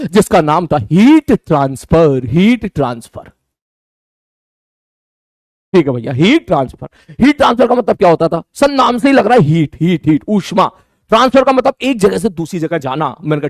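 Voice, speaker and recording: A man's voice: high-pitched, no room sound. A man teaching a physics class in a chatty, joking way, repeating key phrases and asking his students questions he then answers himself. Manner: chatty, joking, addresses students as brother and child. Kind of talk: casual online class lecture.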